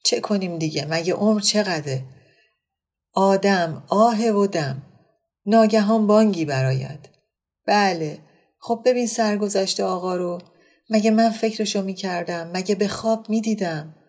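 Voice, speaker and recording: A woman's voice: medium pitch, darkish tone, pitched above the performer's own voice, lightly acted. A woman reading the part of a sullen, resentful widowed aristocratic woman who speaks curtly and sighs over her lot. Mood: wistful. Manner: curt, resentful, sighing.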